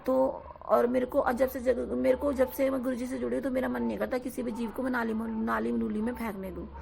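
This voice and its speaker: A woman's voice: on the high side, level tone, a little fast, creaky, a little mellow, a little hiss or hum. A young woman casually telling listeners about her own devotional experience, rambling with many fillers and often asking them to agree. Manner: often asks 'है ना' to listeners. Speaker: devotee sharing a personal experience. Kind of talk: casual spoken testimony to a devotional audience.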